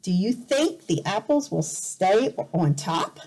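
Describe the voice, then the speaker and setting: In an indoor room at home, a volunteer teacher reads a picture book to young learners very slowly. Her mid-range, husky voice is animated and deliberate, and she explains simply and repeats words to help the children follow.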